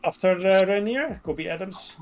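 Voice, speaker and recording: A man's voice: high voice, expressive, a little fast. A man chatting casually in a group flight game, explaining things in short, clipped remarks. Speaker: player in a group flight-simulator session. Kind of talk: casual chat while flying in a flight simulator. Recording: loud vehicle-like drone, noisy voice chat.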